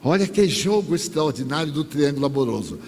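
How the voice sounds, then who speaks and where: An older Bahian-accented man with a somewhat high voice narrates a lecture anecdote with wry animation. His voice carries a long hall reverb, with faint background noise. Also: animated, a little fast, a little mellow. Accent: Bahian Portuguese. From Bahia, Brazil. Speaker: spiritist lecturer. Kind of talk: lecture storytelling.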